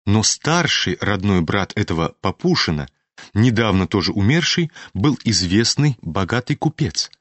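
A man narrating a classic novel as an audiobook, reading in a steady, even-paced way into a studio microphone. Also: fairly low pitch, moderate pace.

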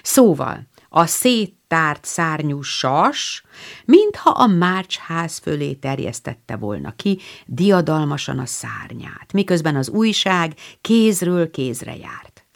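Expressive, low-pitched woman narrating. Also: creaky. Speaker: audiobook narrator. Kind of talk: scripted narration.

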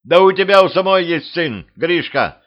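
A man voicing a wry middle-aged cemetery watchman who wisecracks and shouts in a fight. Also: mid-range voice, very animated, unhurried, muffled recording.

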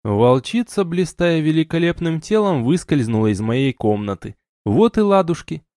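A man reads a fantasy audiobook in the first person, wry and ironic. His voice is dark and mellow. The recording is dry and close. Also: on the high side, big pitch swings, normal speed, no echo. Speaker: audiobook narrator.

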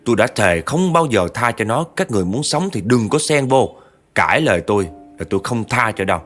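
A man voicing the vengeful ghost of a young woman, shrill and choked with rage. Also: sing-song, a little fast, a bit bright, faint music behind.

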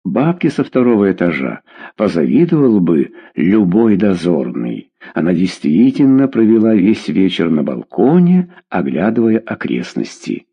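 A man narrating a story aloud in an expressive, measured manner. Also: low voice, slightly rough, muffled recording. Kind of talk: audiobook narration.

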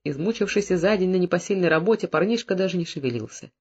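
Man, audiobook narrator, measured reading, high-pitched, dull lo-fi sound. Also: animated, slightly rough. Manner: measured, descriptive, plays every character.

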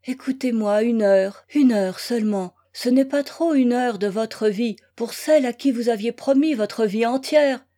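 A woman's voice: a little high, a little slow, hardly any pauses, warm tone. A woman reading a novel aloud and voicing a young widow who begs her former love to hear her out, imploring and emotional. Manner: imploring, breathless emotional pleas. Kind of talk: read-aloud novel, acted dialogue.

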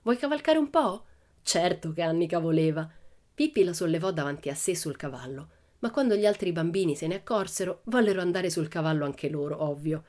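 A woman narrating a children's novel aloud in an expressive storytelling manner. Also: deep voice, brisk. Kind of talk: audiobook reading of a children's novel.

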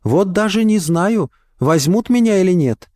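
A shy young woman job applicant, answering quietly in short, hesitant replies in a raised voice, as a male reader puts her on. The sound is dry and close, with no room around it. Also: high voice, expressive, a little slow, no room sound, voice pushed up. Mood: timid.

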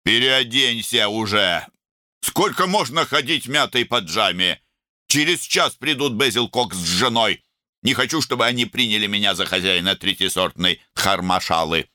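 A man's voice: on the low side, lively intonation, normal speed, pushed and bright, no echo, studio quality, voice pushed up. A man voicing a domineering older brother who barks commands in a raised voice. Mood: barking orders. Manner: barking, commanding.

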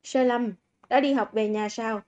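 A warm older brother with a slightly hoarse, smiling voice, as a woman reader puts him on. The recording sounds dull and lo-fi. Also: on the high side, steady tone, measured pace, lightly acted. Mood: warm, teasing.

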